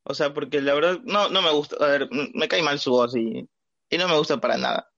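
A man's voice: on the high side, a little fast, vocal fry, fairly bright tone, no room sound. A hesitant man in a casual podcast chat, thinking aloud with lots of fillers. He is recorded close and dry. The sound is a little dull.

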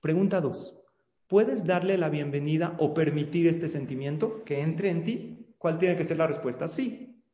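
A man gives a religious class as a rabbi in an animated lecturing manner, often turning to his listeners with questions. His voice sits on the high side yet sounds mellow. The recording carries a roomy echo with a long reverb tail. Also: a little slow. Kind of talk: religious lecture over a video call. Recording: echoey room with long reverb.

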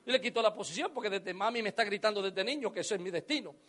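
Male preacher, very high voice, bright and forceful, dramatic delivery. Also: rapid-fire. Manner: dramatic, builds to shouting. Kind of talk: sermon.

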